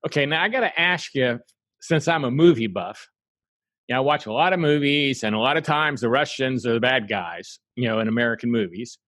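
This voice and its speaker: A man from South Carolina hosting a podcast, talking in an animated, rambling way full of asides. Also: medium pitch, brisk, no room sound. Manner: animated and rambling, lots of "you know" asides. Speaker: podcast host. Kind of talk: casual interview chat.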